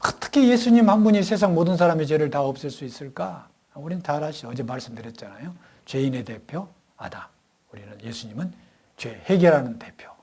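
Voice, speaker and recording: A man preaching a sermon, firing call-and-response questions at the congregation and telling stories animatedly, swinging between loud and hushed. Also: a little high, lively intonation, brisk, slightly rough. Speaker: pastor. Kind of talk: sermon at a Bible lecture.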